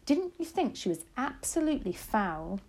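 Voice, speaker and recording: A woman voicing an excited small boy turned into a mouse, exclaiming breathlessly in a storybook reading. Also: on the high side, moderate pace, voice pushed up, low-quality recording. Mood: eager.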